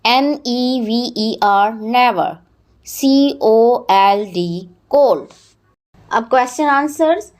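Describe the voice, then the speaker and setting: Slow, clear woman teaching a lesson. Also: on the high side. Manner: reads English lines very slowly, explains fast in Urdu; spells words letter by letter. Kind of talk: textbook lesson explanation.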